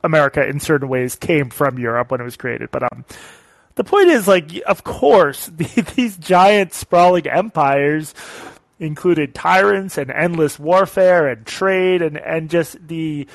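A man's voice: fairly high pitch, a little slow, gravelly, no echo, rough recording. A male podcast host taking calls, talking casually and thoughtfully, often trailing off with fillers. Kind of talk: casual call-in chat.

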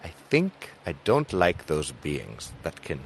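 Man doing a big grumpy bear, deep voice, musing, mildly put out. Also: huge pitch swings, takes it slowly, a little hiss or hum, exaggerated voice. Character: a bear, male, large and grumpy.

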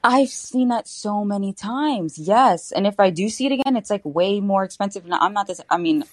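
This casual interview features a young woman from Florida whose mid-range voice has lively intonation, captured dry. Chatty and bubbly, she says "like" a lot and makes quick asides.

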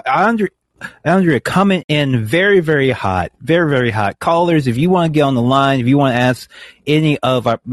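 Laid-back man hosting a wrestling podcast. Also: mid-range voice. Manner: enthusiastic, laughs often. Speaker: podcast host. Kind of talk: casual podcast chat.

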